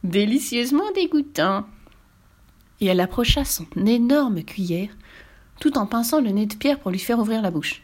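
A woman reading a children's story aloud with lively, expressive storytelling. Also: mid-range voice, normal speed.

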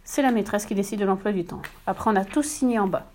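A woman narrating a children's story in a gentle, steady manner. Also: medium pitch, quick pace, slight background noise. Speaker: reader.

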